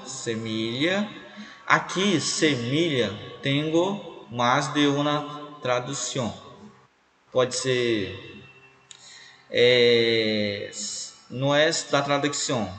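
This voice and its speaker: A man's voice: medium pitch, extremely slow, pauses often, a bit bright. A male language teacher going over quiz answers, explaining each word step by step and repeating terms aloud. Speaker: Spanish teacher.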